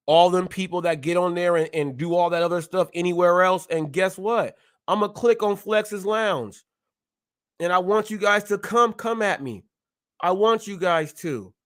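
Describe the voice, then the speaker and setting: A man in his forties hosting a live show who stutters, talking in a boastful, confrontational way as he calls out his critics. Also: high-pitched. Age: 40s. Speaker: host. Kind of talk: ranting live-stream commentary.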